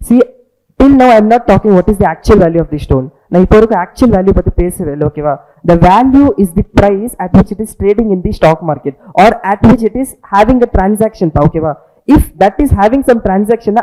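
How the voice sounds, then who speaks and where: A man's voice: high-pitched, animated, racing, mellow, low-quality recording. A man with a Tamil accent giving an informal, story-led lecture as a teacher, repeating points and checking understanding with tag questions.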